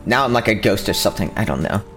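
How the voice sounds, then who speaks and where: A man's voice: fairly low pitch, animated, fast talker, fairly bright tone, soft background music. A man voicing the ghost of a slain elven village woman, petulant and exasperated, who whines and swears. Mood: whiny. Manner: whiny, sulky, swearing.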